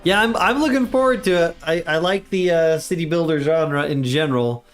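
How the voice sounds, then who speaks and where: Here the streamer's voice is a little high and brisk, with faint music in the background. He's a father of young children chatting casually during a gaming livestream, a bit congested from a cold, and he stays upbeat and talkative while repeatedly greeting chat.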